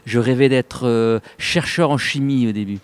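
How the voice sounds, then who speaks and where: Lively guy, sicilian roots, chats about his show, laughs a lot, lots of restarts. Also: mid-range voice, normal speed, clean tone. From France, of Sicilian descent. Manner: animated, laughing, rambling with restarts. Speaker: stage performer and singer. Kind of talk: casual interview.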